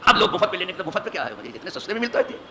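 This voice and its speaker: An imam preaches from a mosque pulpit, his voice bright, sharp and somewhat high. He drives points home with rhetorical questions and rising emphatic bursts. Faint street noise sits underneath. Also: very animated. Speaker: mosque imam giving hadith lesson. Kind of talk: Urdu hadith sermon.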